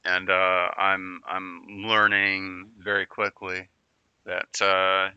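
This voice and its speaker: A man's voice: low voice, monotone, slow pace, sharp tone, smooth, dry recording, dull audio. A man chatting casually on a livestream, rambling and often repeating and restarting his words. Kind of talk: casual stream chat.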